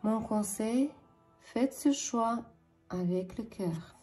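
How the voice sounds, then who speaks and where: A woman reads tarot in a slow, mellow voice. She speaks earnestly and now and then lets words drop to a breathy whisper, with soft music faintly behind her. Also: a little high. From Ukraine. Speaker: tarot reader. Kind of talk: tarot reading for viewers.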